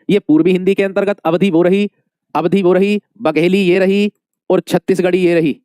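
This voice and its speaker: A man's voice: high voice, a little mellow, clean tone, dry recording, clean studio sound. A male Hindi teacher giving an exam-prep lesson, calling his students dear friends, asking questions and repeating the answers many times.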